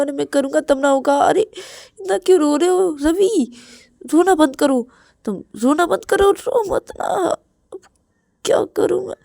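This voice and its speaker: A woman's voice: high voice, gravelly, warm tone, no room sound, studio quality, pitched above the performer's own voice, heavily acted. A woman voicing a devoted young man who urgently coaxes his partner to stop crying. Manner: urgent, coaxing. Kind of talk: storybook role-play.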